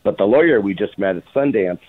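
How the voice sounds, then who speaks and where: Interview guest: middle-aged man, low register, informal storyteller, narrow phone-line audio. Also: lively intonation, fast. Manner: informal, quotes past dialogue in anecdotes. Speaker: interview guest, film producer. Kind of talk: casual anecdotal storytelling. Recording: phone-like, band-limited radio sound.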